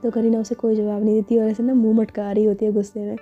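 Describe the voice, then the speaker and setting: A woman's voice: medium pitch, level tone, quick pace, mellow, lo-fi sound, soft background music. A woman narrating a love story in a chatty, casual storytelling manner. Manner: chatty, filler-heavy narration.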